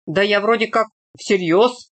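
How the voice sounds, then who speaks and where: A woman's voice: medium pitch, unhurried, natural voice. A woman voicing an earnest, plainspoken young village man in a read-aloud story, without much change to her own voice.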